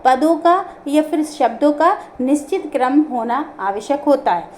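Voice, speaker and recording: High-voiced woman teaching grammar. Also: expressive, unhurried, darkish tone, a little hiss or hum. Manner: explains step by step, asks and answers her own questions. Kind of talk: online grammar lesson.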